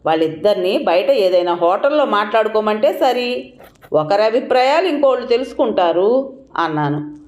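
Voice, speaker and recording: Expressive woman telling an audio story. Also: mid-range voice, normal speed. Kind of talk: first-person audio story narration. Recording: roomy echoing recording.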